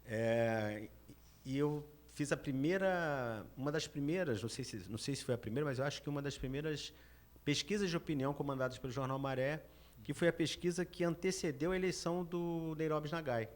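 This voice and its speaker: Halting middle-aged man recalling his career. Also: fairly high pitch. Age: 50s. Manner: hesitant, repeats words as he recalls. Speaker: journalist, guest. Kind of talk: casual podcast chat.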